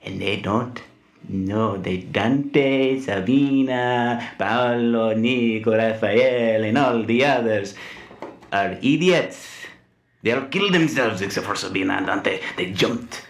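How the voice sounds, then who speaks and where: A man's voice: lowish voice, slow pace, gravelly, far from the mic, pitched above the performer's own voice. A man voicing a scheming cult villain in a tabletop game, gloating and toying with his listeners in a theatrical monologue. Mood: bitter, confiding. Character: scheming male cult villain, gloating, smugly playful, unhinged. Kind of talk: improvised tabletop role-play. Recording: roomy, echoing sound.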